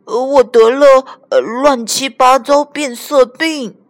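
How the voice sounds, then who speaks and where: A woman's voice: high-pitched, slow pace, voice pushed up. A woman voicing a flustered little male chameleon who stammers and keeps saying "uh". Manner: stammering with many "uh"s.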